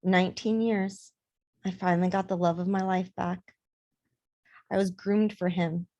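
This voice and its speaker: A woman's voice: lowish voice, fairly even intonation, unhurried, mellow, lo-fi sound. A woman life coach talking casually to camera in her vlog, emphatic and repeating words for stress.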